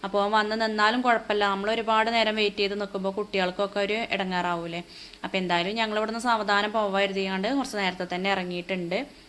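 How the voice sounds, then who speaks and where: A woman's voice: mid-range voice, steady tone, quick pace, a bit bright, slight background noise. Keralan woman vlogger in her thirties, chatty phone narration, faint ambience in the background. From Kerala, India. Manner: chatty, tag-heavy storytelling. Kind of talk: casual narration. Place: airport, indoors.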